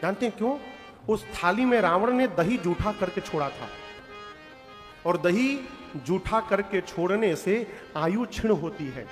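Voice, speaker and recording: Purvanchal accent preacher man, high voice, folksy storytelling, talks right to the crowd, big echoey hall, instruments playing soft behind. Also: animated, measured pace. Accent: Purvanchal Hindi. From Purvanchal, India. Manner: folksy, addresses the audience directly. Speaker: devotional katha storyteller. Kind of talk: devotional storytelling sermon with sung verses. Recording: long hall reverb with music.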